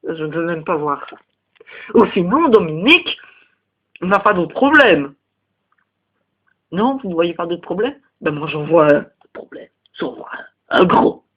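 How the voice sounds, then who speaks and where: A young man with a Belgian French accent playing a crude, rambling male teacher in a comedy sketch, lurching into high, indignant outbursts. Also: sing-song, unhurried, long pauses, dull audio, full character voice. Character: crude, touchy male teacher, single, lives with parents. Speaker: teacher at a parents' meeting.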